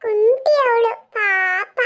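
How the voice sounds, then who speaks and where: A woman's voice: extremely high pitch, extremely slow, fairly bright tone, exaggerated voice. A woman voicing a rude boy who mockingly teases another child in a cartoon. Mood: taunting. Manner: taunting, sneering.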